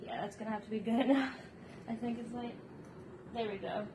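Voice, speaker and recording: Speaking a little fast in a fairly high voice, a young book vlogger rambles through a casual chat from her small bedroom, giggling and using fillers while holding her phone at arm's length. Background noise can be heard.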